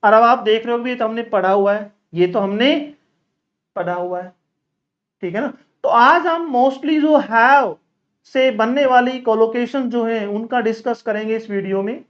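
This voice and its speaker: Slow-drilling male English teacher from India. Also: very high voice. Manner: slow, repetitive drilling of example sentences; addresses viewers as children. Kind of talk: spoken English lesson explained in Hindi. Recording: slightly dull lo-fi recording.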